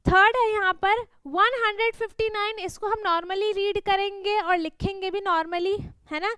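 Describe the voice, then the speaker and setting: Extremely high-pitched yet fairly even in intonation, a woman teaching maths goes through a worksheet with children at a measured pace, her tone sharp. She patiently keeps asking "thik hai?" and "hai na?", and there's no echo.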